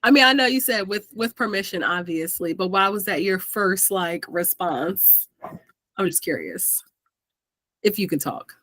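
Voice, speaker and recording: A woman's voice: medium pitch, a little slow, a bit bright, no echo. Chatty woman hosting a video call. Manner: chatty, says "like" often, laughs easily. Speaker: host of an officiant meetup. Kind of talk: casual group video call chat.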